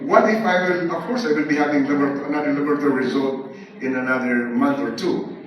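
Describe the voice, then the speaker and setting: Older man talking fast, far from the mic. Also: fairly high pitch, muffled recording, a little hiss or hum. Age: 70s. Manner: fast, halting, many restarts and fillers. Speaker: speaker giving a testimony. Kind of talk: casual spoken talk to an audience. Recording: echoey room, far from the mic.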